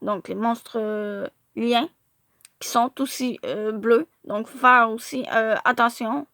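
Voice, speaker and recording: Woman, card showcase vlog, slow and halting, dry close sound. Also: fairly high pitch, steady tone, creaky, sharp tone, no room sound. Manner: hesitant, frequent filler sounds, stumbles over English names. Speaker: card collector vlogger.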